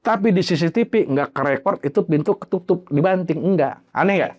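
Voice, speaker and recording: A man telling his own horror story in a casual, slangy way. He swears freely and acts out the bangs and creaks he heard. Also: a little high, a little fast, dull audio. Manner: animated, imitates sounds like bangs and creaks.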